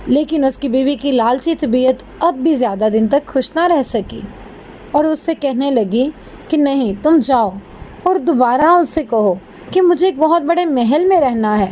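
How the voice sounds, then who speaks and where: A woman storyteller narrating a children's fairy tale with gentle, expressive delivery. Her voice sits high, with faint noise underneath.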